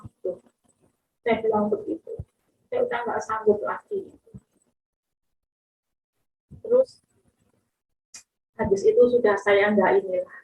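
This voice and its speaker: A woman's voice: a little high, roomy sound, slight background noise, rough recording. A middle-aged woman telling a personal testimony with emotion, often addressing listeners directly. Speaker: testimony speaker.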